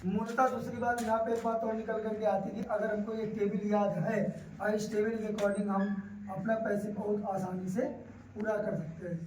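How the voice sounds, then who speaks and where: This grammar teacher, a man with a North Indian accent, explains concepts didactically at normal speed, often repeating key phrases for emphasis. His high voice is slightly mellow and level in tone, captured by a distant mic with roomy echo and faint noise.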